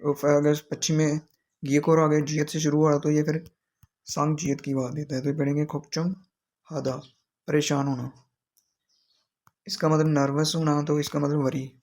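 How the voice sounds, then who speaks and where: A man teaching Korean vocabulary, explaining each word slowly and repeating it. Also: a little high, level tone, a little mellow.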